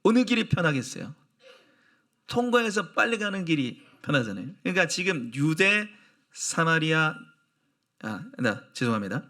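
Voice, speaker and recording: Male pastor, Sunday sermon, bright tone, animated, conversational. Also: a little high, moderate pace. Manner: animated and conversational, asks the congregation questions.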